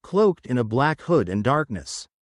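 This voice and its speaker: A man giving a scripted first-person horror narration in a steady storytelling read. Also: mid-range voice, measured pace, no room sound.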